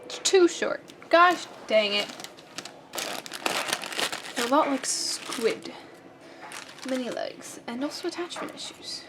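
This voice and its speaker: High-pitched woman hosting a casual how-to, joking asides, reads instructions aloud, bench camera mic. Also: animated, takes it slowly, long pauses, noisy background. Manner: chatty, self-mocking, jokey asides. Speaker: host. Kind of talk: casual soldering tutorial.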